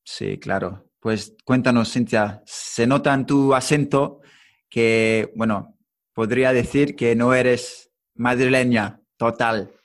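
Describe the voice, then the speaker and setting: A man hosting a casual interview, asking short, relaxed questions. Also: mid-range voice, slow pace. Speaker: interviewer host.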